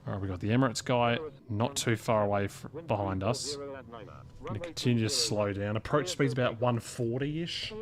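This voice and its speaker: A man giving casual, relaxed live commentary while he plays a flight simulator. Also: moderate pace. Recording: low game engine rumble behind voice.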